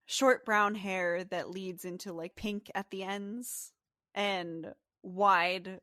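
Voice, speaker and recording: A woman's voice: fairly low pitch, fairly bright tone, dry recording, studio quality. A woman narrating a tabletop game as game master, describing scenes with small hesitations.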